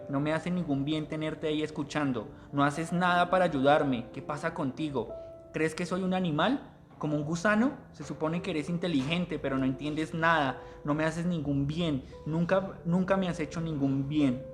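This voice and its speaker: Bitter, ailing mother, read flat and slow by a man, a touch high. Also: soft background music, lightly acted. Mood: bitter lament.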